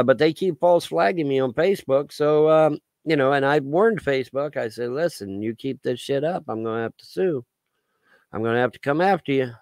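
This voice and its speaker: A man's voice: medium pitch, a little mellow, no echo. A man in his late fifties hosting a casual live stream, rambling and aggrieved, swearing freely. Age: 50s. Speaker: livestream host.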